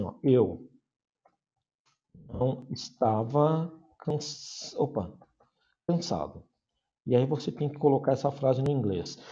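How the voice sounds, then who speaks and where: A man with a Brazilian Portuguese accent teaching an English class, explaining step by step and slowing down to model example sentences. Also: medium pitch, dark tone. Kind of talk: recorded class lesson. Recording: dull lo-fi recording.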